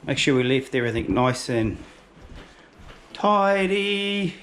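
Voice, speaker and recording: A man's voice: mid-range voice, animated, takes it slowly, fairly bright tone. A man with a broad New Zealand accent, talking casually and matey in slang as he narrates a hunting vlog. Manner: colloquial Kiwi slang, matey. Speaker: hunting vlogger.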